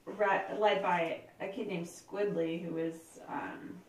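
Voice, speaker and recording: A woman's voice: fairly low pitch, fairly even intonation, slow. A woman narrating as game master in a chatty, laughing way with many fillers. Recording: echoey room, distant mic, faint ambience.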